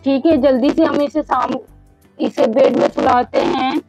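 A woman doing a brisk female doctor. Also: sits high, fairly even intonation, darkish tone, no room sound, lo-fi sound, faint music behind.

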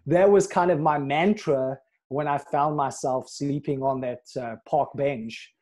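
In a slightly high voice, a middle-aged South African podcast guest candidly recounts his life over a video call. He's earnest and steady, pausing and using fillers as he talks. The setting is a small room with a plain wall, picked up by a wired earbud mic.

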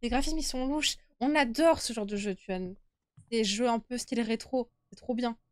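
A woman's voice: a little high, normal speed, no room sound, studio quality. A young woman streaming a horror game with casual live commentary, uneasy and easily scared, chatting to her viewers. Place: indoor room at home.

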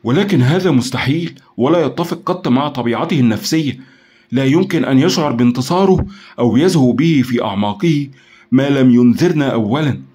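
A man's voice: mid-range voice, rapid-fire, darkish tone, pitched above the performer's own voice, natural voice. A man playing an earnest male psychologist on a team in an audio drama, arguing his case insistently.

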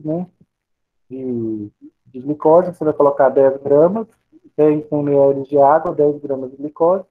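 A Brazilian Portuguese-accented man gives a recorded pharmacy lecture over slides. He asks questions and answers them himself in a fairly high voice. The sound is thin and tinny, as if through a phone line. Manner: explanatory, asks and answers his own questions.

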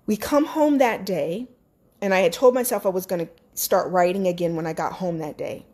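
A woman's voice: lowish voice, normal speed. A woman coach giving a personal motivational talk, emphatic and candid, addressing her listeners as guys and acting out her own inner voice. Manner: quotes her own inner voice in animated bursts. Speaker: business coach.

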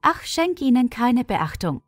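A woman's voice: on the high side, sing-song, measured pace, no echo, soft background music, pitched above the performer's own voice. A woman voicing a loyal young female friend, fiery and protective, blunt and encouraging, in a storybook reading.

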